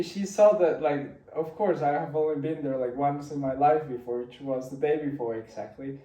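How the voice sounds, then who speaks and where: A man's voice: a little high, warm tone. Young man, chatty, roomy. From Costa Rica. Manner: chatty, rambling storytelling with many restarts. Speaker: vlogger. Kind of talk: casual weekly recap monologue. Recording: roomy, from a distance.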